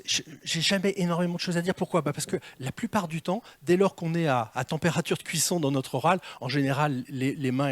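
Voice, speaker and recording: A man coaching a live audience on presentation skills, in a lively, theatrical way, asking them questions as he goes. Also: mid-range voice, dry recording. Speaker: communication trainer. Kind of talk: live workshop talk to an audience. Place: meeting room with an audience. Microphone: handheld mic.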